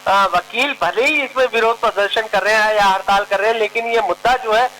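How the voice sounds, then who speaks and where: Male field bureau chief, high voice, halting with fillers, faint hum behind. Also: sharp tone, poor audio. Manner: explanatory, halting with many fillers. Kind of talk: live news report to an anchor.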